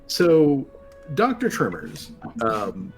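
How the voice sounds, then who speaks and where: A man running a tabletop role-playing game as game master, narrating in a casual, halting and rambling way. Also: medium pitch, huge pitch swings, low-quality recording. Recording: music playing behind the voice. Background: background music.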